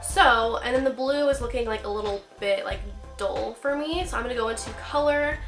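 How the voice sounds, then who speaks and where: With soft music in the background, a twenty-something lifestyle vlogger talks briskly in a slightly high, somewhat bright voice. She's shaking off a cold and chats cheerfully through a casual tutorial, saying "like" a lot, from her seat on the bed in a small apartment bedroom.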